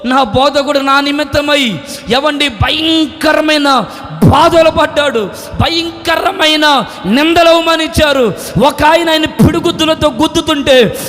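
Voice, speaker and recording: A man preacher voicing a grieving woman disciple who cries out in loud, pleading laments for her lost teacher, heard with a long hall reverb. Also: very high voice.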